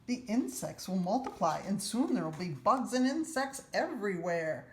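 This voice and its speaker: A woman voicing a patient mother in a children's storybook, putting gently probing questions. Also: mid-range voice, very animated, normal speed, voice pushed up, lightly acted. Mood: gently questioning. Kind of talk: children's storybook read-aloud. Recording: roomy echo, faint background noise.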